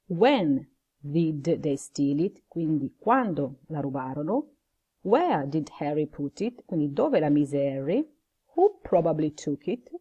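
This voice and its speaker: A woman with an Italian accent runs an English lesson on video. Her voice is low, dark and husky, and she says the English phrases slowly before explaining them. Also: very animated, muffled recording. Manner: switches between English phrases and Italian explanation, slow careful English. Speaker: English teacher.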